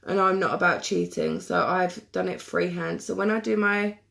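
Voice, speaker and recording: A woman chatting casually through a live makeup tutorial, self-deprecating and quick to laugh. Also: fairly low pitch, fairly even intonation, creaky, a bit bright. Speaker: makeup vlogger.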